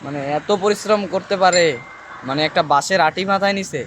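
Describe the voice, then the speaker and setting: A man's voice: high-pitched, fairly quick, a bit bright, slight background noise. A man chatting in a rambling, casual way on a trip outdoors, a little away from the mic. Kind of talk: casual travel chat.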